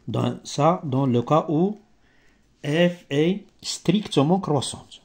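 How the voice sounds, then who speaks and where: A male maths teacher, not a native French speaker, explaining step by step in halting, broken French with grammatical slips and searches for words. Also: on the high side, expressive, a little mellow, slightly rough. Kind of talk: improvised maths lesson.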